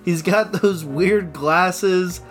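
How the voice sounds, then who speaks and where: A man co-hosting a comedy podcast, teasing quickly and laughing at his own jabs in casual chat. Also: high voice, a bit bright, faint music behind. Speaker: podcast co-host.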